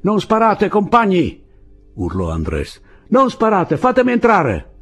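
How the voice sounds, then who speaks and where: A man voicing a desperate young guerrilla who shouts and pleads to be let into a trench, in an audiobook reading. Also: low voice, level tone, normal speed, breathy edge, faint music behind. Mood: shouting, pleading.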